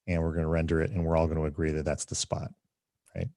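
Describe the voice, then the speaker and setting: A man hosting a casual livestream discussion, rambling with many fillers and restarts, his voice deep from having just woken up. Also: flat delivery, fast, dark tone, no echo, clean studio sound. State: just woke up, deep morning voice. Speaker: summit host.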